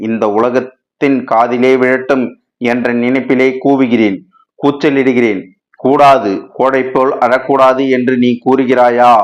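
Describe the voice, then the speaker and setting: A man's voice: medium pitch, close to an everyday voice. A man voicing an anguished male writer in a storybook reading, lamenting in a dramatic, wordy way, on a dull lo-fi recording. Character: anguished male writer, grief-stricken and impassioned.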